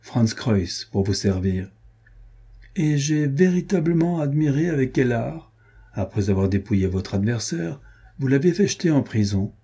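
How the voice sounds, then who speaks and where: A man voicing a sly, scheming male captain in an audiobook, speaking in a measured way. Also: mid-range voice, lively intonation, warm tone, husky, voice pushed up.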